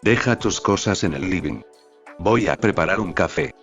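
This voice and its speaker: A man voicing a tired, curt adult man who speaks in short, flat sentences. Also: low-pitched, moderate pace. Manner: terse, flat. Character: weary, curt adult man, terse guardian. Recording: slightly dull audio with faint background music.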